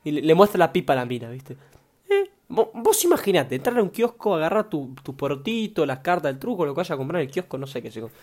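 A man's voice: on the high side, lively intonation, fast, a little mellow. A young man with an Argentine Rioplatense accent hosting a casual solo podcast, rambling and joking in slang and often repeating his words. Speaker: podcast host.

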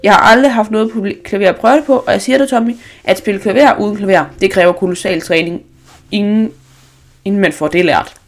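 A woman voicing a bold, cheeky young girl in a storybook reading, loud, lively and boastful. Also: mid-range voice, close to an everyday voice. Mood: cocky. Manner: lively, loud, fibbing with gusto.

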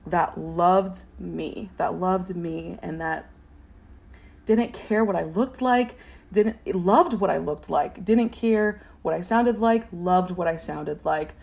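Young woman guest with a stutter, low gravelly voice, halting, reflective delivery. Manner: halting, many "like" fillers, soft and reflective. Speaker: interview guest. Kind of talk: personal testimony in an interview.

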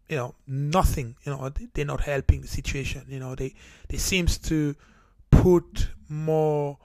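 This man's voice is a little high with a darkish tone, and the recording is dry. Originally from Cameroon and based in the United Kingdom, he hosts his own talk show as a solo podcast monologue, earnest and heavy with fillers and restarts.

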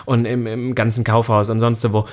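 A man's voice: mid-range voice, little pitch movement, normal speed, darkish tone. A young man co-hosting a podcast in casual chat, rambling and opinionated, often restarting his sentences. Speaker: podcast co-host.

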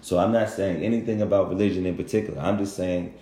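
A man with a cold, speaking low in a casual monologue to his followers, often restarting and correcting himself as he explains. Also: steady tone, quick pace, mellow, reverberant. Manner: conversational, often restarts and corrects himself, asks "you understand?". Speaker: social commentator addressing followers.

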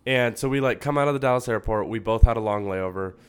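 A young man co-hosting a chatty podcast, his voice low and smooth. He rambles through stories with loads of fillers and little quoted asides. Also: fast. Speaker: podcast co-host. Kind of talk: casual chat.

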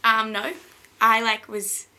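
A woman's voice: a little high, little pitch movement, slow, sharp tone. Giggly young Australian woman. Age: young adult. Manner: giggly, rambling, laughs often. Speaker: interviewee, college student. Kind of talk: casual interview chat.

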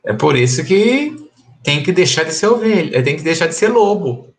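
A man, a pastor, leading a live-streamed Bible study. His voice sits fairly high with a heavy gravelly fry. He preaches emphatically, repeating phrases and chuckling between points. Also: big pitch swings, normal speed.

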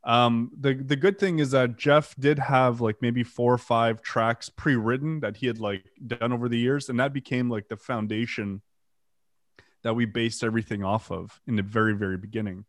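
A French Canadian vocalist and guitarist rambles about his band in a casual interview, telling stories full of "like," restarts and fillers, self-deprecating and swearing casually. His middle-pitched voice moves at normal speed, recorded dry and close with no echo or room sound.

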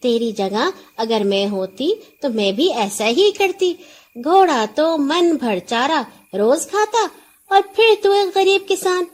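Woman voicing a merry village wife, high and lively, calling out gleefully. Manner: bright exclaiming, calling out to servants. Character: cheerful peasant wife Nora, chirpy.

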